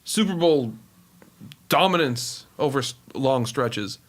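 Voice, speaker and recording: A man's voice: mid-range voice, expressive, takes it slowly. A man co-hosting a casual sports podcast, joking and bantering with his friends. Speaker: podcast co-host.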